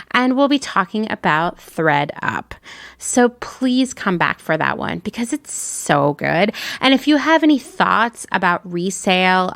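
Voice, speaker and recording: Woman podcast host, gravelly low voice, dry close sound, casual and chatty. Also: fairly bright tone, dry recording. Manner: chatty, laughs easily, casual fillers. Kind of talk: conversational interview and outro.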